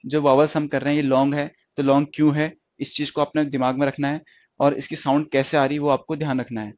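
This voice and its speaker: A man's voice: fairly high pitch, level tone, fast, darkish tone, no room sound. A man teaching stenography, speaking in a slightly raised voice. He drags each vowel sound out long so his students can hear and repeat it, and he keeps stopping to check that they are following. The recording is dry and dull, with a lo-fi sound. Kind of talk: classroom lecture on vowel sounds.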